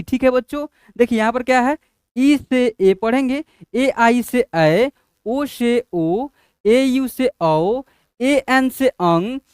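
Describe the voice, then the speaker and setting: A man teaching letters as a teacher, in slow, drawn-out drills that keep asking what each letter makes. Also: very high-pitched, clear, resonant tone, no room sound, studio quality. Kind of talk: classroom-style lesson.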